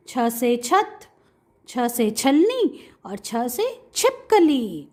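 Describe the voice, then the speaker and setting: Slow, high-voiced woman teaching small children. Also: a little mellow. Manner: slow, drawn-out syllables, call-and-repeat drilling. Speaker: kindergarten Hindi teacher. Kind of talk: online lesson for young children.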